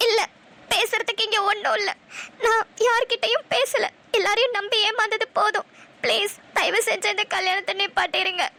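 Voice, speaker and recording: A woman's voice: very high-pitched, fairly even intonation, moderate pace, pushed and bright, heavily acted. A woman voicing a distressed young bride who pleads tearfully in a cartoon. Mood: pleading. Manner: pleading, upset speech. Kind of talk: cartoon voice acting.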